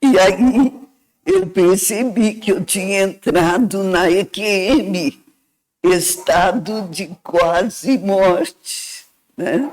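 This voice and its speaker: A woman's voice: mid-range voice, darkish tone, rough recording. A woman with a Brazilian Portuguese accent earnestly telling a personal testimony as a guest, reflective and often adding "né". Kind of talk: emotional first-person storytelling.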